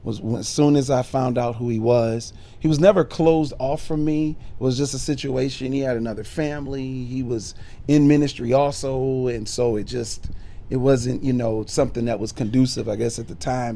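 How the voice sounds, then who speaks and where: A middle-aged man speaks at normal speed in a steady, dark, mid-range voice. He's a minister and bishop born in Chicago and raised in Detroit, describing his life in a casual podcast conversation with frequent fillers.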